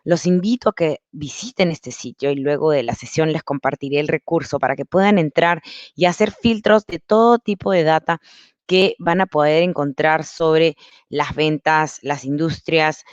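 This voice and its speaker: A woman's voice: deep voice, moderate pace, dry recording, muffled recording. A woman from Peru, a marketing consultant giving an upbeat online masterclass, explaining step by step over a video call. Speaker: guest speaker, marketing consultant.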